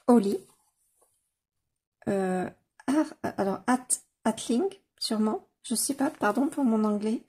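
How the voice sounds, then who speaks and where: A woman casually leafing through a coloring book on camera, gushing over the pages with many fillers and slowly sounding out titles. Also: medium pitch, a little mellow, breathy edge. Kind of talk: casual flip-through commentary.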